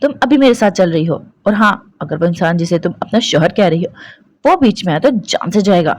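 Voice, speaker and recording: A woman's voice: on the low side, lively intonation, fairly quick, a little mellow, husky. A woman voicing a possessive, domineering young husband who gives harsh commands.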